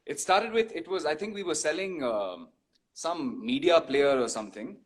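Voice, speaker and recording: Young voice artist guy, high voice, jokey and playful, lots of restarts. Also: animated, moderate pace. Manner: playful, joking, many restarts. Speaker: guest, voice artist. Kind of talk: casual interview chat.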